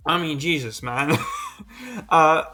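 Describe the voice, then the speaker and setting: A young man giving casual, excitable commentary on his own video game matches, laughing and swearing often. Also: on the high side, takes it slowly, soft background music.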